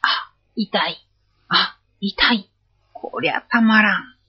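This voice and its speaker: Big, brutish ogres from a children's tale, gruff and scornful, as a narrator puts them on. Their voices are husky and swing widely in pitch. The recording sounds dull and lo-fi. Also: very animated, unhurried, heavily acted. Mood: pained.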